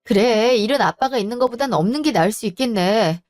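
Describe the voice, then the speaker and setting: A woman's voice: a little high, lively intonation, brisk, a little mellow, dry recording, clean studio sound, soft background music, lightly acted. A woman voicing a firm, betrayed wife and mother who scolds her husband sharply. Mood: scolding. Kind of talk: storybook voice acting.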